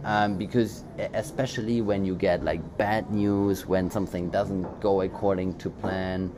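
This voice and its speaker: A low-pitched man, speaking at normal speed in a level tone, co-hosts a casual motivational podcast. German is his first language, and he rambles in loose sentences full of restarts and fillers, with background noise in the recording.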